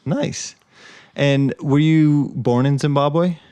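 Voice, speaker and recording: A man hosting a music podcast, introducing the episode and asking short, brisk follow-up questions. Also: on the high side, fairly even intonation, mellow, clear, resonant tone, dry recording. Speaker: podcast host. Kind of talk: podcast interview.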